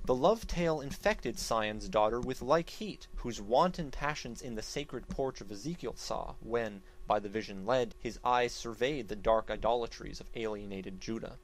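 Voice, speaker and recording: A man with a mid-pitched voice reads epic verse in a theatrical, stage-actor manner. His delivery is solemn and deliberate, with emphatic swells that drop into quieter phrase endings. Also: low-quality recording. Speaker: narrator reading an epic poem. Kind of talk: dramatic reading of archaic epic verse.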